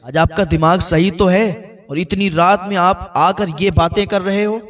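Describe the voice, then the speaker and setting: A man's voice: high-pitched, steady tone, a bit bright. Guy playing a loyal bandit sidekick, plain and deferential, mic a bit far off. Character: loyal adult male bandit, the chief's right hand.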